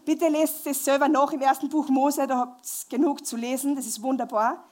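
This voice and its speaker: High-voiced woman preaching. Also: moderate pace. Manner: lively, asks the congregation questions. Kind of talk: sermon. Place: church hall, live before a congregation.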